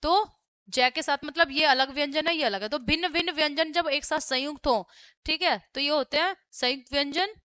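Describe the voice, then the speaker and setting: A woman teaching a grammar lesson. She explains step by step, sounding out letters slowly and often checking in with "okay". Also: sits high, sharp tone, no echo.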